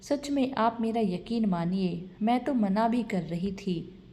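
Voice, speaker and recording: A scared, scheming young daughter-in-law, as a woman storyteller puts her on, begging and anxious. She speaks slowly in a soft, mellow voice. This is a storybook reading. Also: medium pitch, expressive. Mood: pleading. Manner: fearful, pleading.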